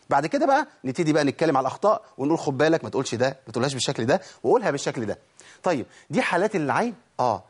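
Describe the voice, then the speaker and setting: A man with an Egyptian Arabic accent teaching Quran recitation, asking questions and answering them himself, and drawing out sounds slowly to demonstrate them. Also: mid-range voice, breathy edge. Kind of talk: spoken lesson on pronunciation.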